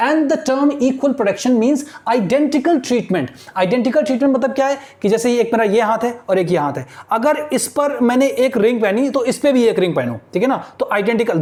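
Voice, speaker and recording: A woman teacher with an Indian accent, slowly reading English editorial lines aloud and then explaining them in Hindi, checking in with her students again and again. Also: a little high, expressive, a little mellow. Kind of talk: exam-prep lesson, reading and explaining an editorial.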